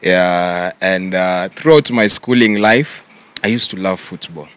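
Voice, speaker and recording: Low-voiced young Kenyan man, easygoing. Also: measured pace, clear, resonant tone. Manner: relaxed, mixes English and Swahili slang, says "yeah" often. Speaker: content creator guest. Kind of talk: casual interview answers.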